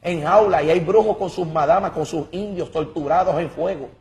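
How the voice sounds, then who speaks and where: A man's voice: a little high, normal speed, darkish tone. A man giving an impassioned religious testimony, emphatic and dramatic, often repeating words as he searches for them.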